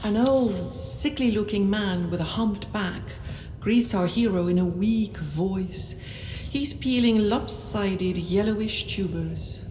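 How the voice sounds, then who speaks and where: A woman reads a game's story in an unhurried, deliberate storybook manner, now and then sinking to a hush. Her voice carries a roomy echo with faint noise underneath. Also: mid-range voice. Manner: measured, with occasional hushed whispers. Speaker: game narrator. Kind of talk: scripted storybook narration.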